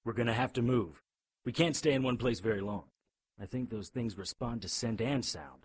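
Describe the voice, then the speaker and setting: A man's voice: mid-range voice, moderate pace, a little hiss or hum, close to an everyday voice. A man playing a blunt, sardonic, urgent leader of frightened survivors in an audio drama. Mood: tense, guarded.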